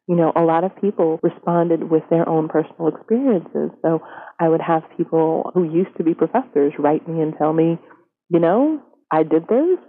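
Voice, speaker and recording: A young woman speaks as an interview guest with her voice electronically disguised to sound deeper. She is candid and reflective, sprinkling in "you know" as she goes. The sound is narrow and phone-like. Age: young adult. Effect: voice disguised electronically, pitched down. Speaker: interview guest, science career columnist. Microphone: telephone. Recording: band-limited telephone line.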